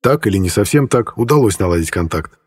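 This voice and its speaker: A man narrating an adventure story in an even storytelling manner. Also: fairly low pitch, fairly quick, breathy edge. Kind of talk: audiobook narration. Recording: long reverb.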